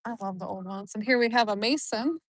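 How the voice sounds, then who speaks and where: A woman's voice: mid-range voice, fairly quick, no echo. A woman live-streaming on a phone while walking through an outdoor cemetery, chatting casually and answering viewers' comments. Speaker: genealogy vlogger.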